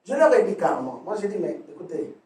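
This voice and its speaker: A man pastor delivering a sermon, preaching emphatically with sudden swings from loud to soft and often repeating words as he restarts a phrase. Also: high-pitched, sing-song, quick pace, distant mic. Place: church hall. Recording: echoey room, voice from off the mic.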